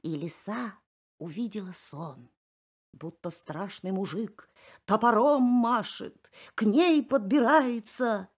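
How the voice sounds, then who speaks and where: A woman reading a bedtime fairy tale aloud in a slow, expressive storytelling manner. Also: medium pitch, husky.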